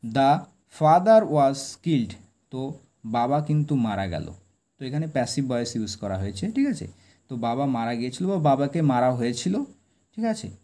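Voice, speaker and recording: Slow, careful man teaching English. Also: medium pitch, sing-song, warm tone. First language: Bengali. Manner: reads English words very slowly, keeps asking "right?". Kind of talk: reading an English story slowly and explaining it in Bengali.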